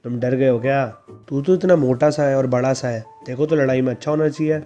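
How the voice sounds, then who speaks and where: A mocking school gang leader, as a man retelling the story puts him on, rough and taunting toward the boy he picks on. The voice stays mellow and dark, with faint music behind it. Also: mid-range voice, fairly quick, highs cut off, lightly acted.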